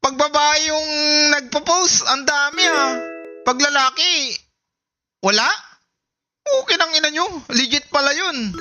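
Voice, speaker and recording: A young man in his twenties with a notably high voice reacts on a casual stream. He is excitable, swears a lot and rambles in quick bursts of teasing chatter. Clear music plays behind him. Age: 20s. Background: background music.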